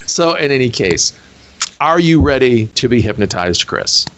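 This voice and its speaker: A man with a Michigan accent chatting casually, then leading a hypnosis induction in a slower, deeper, soothing voice. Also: very animated, fairly bright tone, slight background noise, low-quality recording. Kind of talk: hypnosis session over a call.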